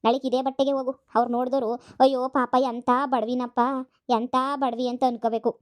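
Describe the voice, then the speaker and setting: A woman's voice: sits high, flat delivery, a little fast, darkish tone, natural voice. A woman voicing a scheming, greedy mother in a cartoon comedy, nagging and wheedling. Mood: coaxing. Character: scheming greedy rural mother, middle-aged.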